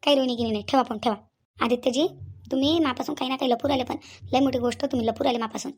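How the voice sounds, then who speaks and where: A woman voicing a fast, high-pitched angry young fiancée. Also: steady tone. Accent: Vidarbha Marathi. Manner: rapid, accusing, repeats her questions. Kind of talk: cartoon voice acting.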